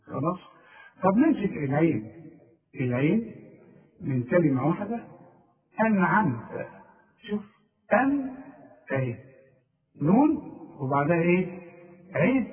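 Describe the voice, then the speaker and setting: A man with an Egyptian Arabic accent teaching a tajweed lesson, drilling each example and chanting it slowly. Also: a little high. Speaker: Quran recitation teacher. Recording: tinny lo-fi recording from far off.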